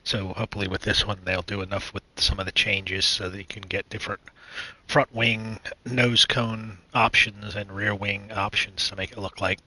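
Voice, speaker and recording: A man from the United States hosting his own gaming channel, chatting casually and rambling with many fillers, restarts and throat clearing. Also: fairly low pitch, little pitch movement, moderate pace, pushed and bright, poor audio. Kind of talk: casual gaming news chat.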